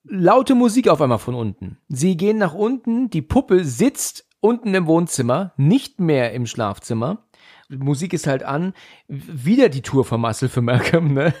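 A man's voice: fairly high pitch, very animated, measured pace, darkish tone. A man casually retelling a film's plot, talking loosely with many fillers and restarts. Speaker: podcast host recapping a film. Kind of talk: casual film discussion.

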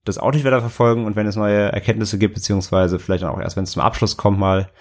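A man's voice: on the low side, little pitch movement, fast talker. A man co-hosting a casual podcast, retelling events at length with frequent restarts. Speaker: podcast co-host. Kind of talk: casual chat.

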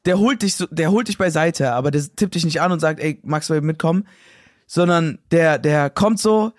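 A young man co-hosting a podcast in casual chat, slangy and excitable, acting out quotes. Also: on the high side, moderate pace, no room sound, clean studio sound. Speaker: podcast co-host.

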